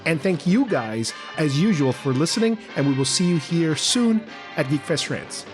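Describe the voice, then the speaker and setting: A man hosting a podcast, chatting casually and laughing along with quick asides. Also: on the high side, animated, over music. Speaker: podcast host. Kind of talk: casual chat.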